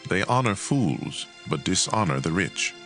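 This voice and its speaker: In a low voice, a man narrates scripture for a dramatized audio Bible, measured and expressive, with faint music behind him.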